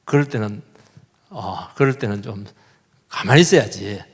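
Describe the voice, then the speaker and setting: A middle-aged male pastor, preaching an animated sermon and swinging between loud outbursts and hushed asides. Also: lowish voice, moderate pace, husky. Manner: animated, acts out quoted voices, shifts between loud and hushed. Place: church sanctuary. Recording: long church reverb.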